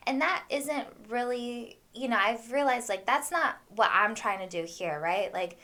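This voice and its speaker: A woman's voice: fairly high pitch, unhurried, fairly bright tone. Casual woman podcaster, informal and conversational. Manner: informal and conversational, thinking aloud. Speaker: podcast host and housewife. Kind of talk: casual solo podcast talk.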